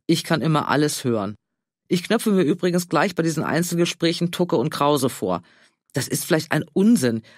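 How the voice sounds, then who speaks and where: A man voicing a stubborn, pompous retired tax official in his sixties, deep and slow. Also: lively intonation, no echo, studio quality. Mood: smug. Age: 60s.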